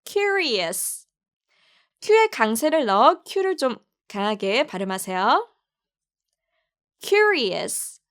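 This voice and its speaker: A woman teaching English pronunciation, saying each phrase slowly and praising the learner warmly. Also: high voice. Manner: upbeat, praising, spelling out each word slowly. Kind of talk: slow pronunciation drill.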